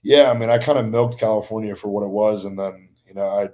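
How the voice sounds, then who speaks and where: A young man in his twenties from Baltimore talks in a low, even-toned voice on a casual podcast. His speech is relaxed and slangy, and he often restarts his sentences as he rambles through his story. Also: quick pace. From Baltimore, Maryland. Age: 20s. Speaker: guest bodybuilder.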